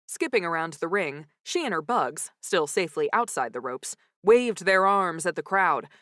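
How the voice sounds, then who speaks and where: A woman narrating a comic mystery audiobook in first person with lively, wry storytelling, close to the mic. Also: medium pitch, dry recording.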